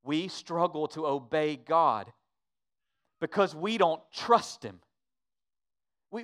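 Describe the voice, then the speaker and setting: A pastor with a high voice preaches a sermon, shifting between hushed and emphatic tones. He repeats words as he pleads with the church.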